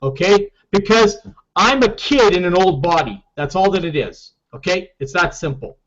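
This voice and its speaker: A man's voice: high-pitched, normal speed, fairly bright tone. A man leading a casual group call as a marketing team leader, emphatic and repeating "okay?" often, over dull lo-fi call audio.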